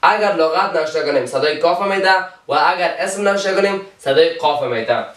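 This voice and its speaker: A man with an Afghan Dari accent teaching English letter sounds, repeating each example word slowly. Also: on the high side, fairly bright tone. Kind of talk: alphabet pronunciation lesson. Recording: roomy, from a distance.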